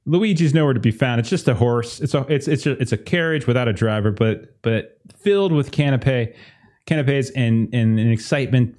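A man's voice: medium pitch, a little mellow. A man narrating as game master, easygoing and rambling, with many fillers and restarts.

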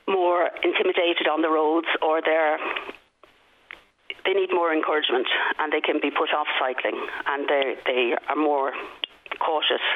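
A woman's voice: low-pitched, gravelly. An Irish-accented woman giving an explanatory interview over the phone. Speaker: school teacher. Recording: tinny telephone line.

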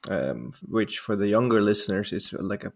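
A man's voice: fairly low pitch, expressive, a little fast, creaky. A man in his forties from the Netherlands, a native Dutch speaker, telling stories as a guest on a podcast with lots of fillers. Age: 40s. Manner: rambling, self-amused storytelling with frequent fillers. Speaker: guest diving instructor. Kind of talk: casual podcast interview.

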